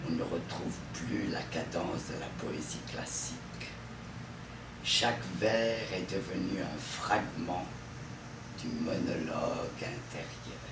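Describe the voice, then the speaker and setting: A man giving a lecture on French verse with an expressive, theatrical delivery. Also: low-pitched, slow, gravelly, very noisy. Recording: distant mic in an echoey room.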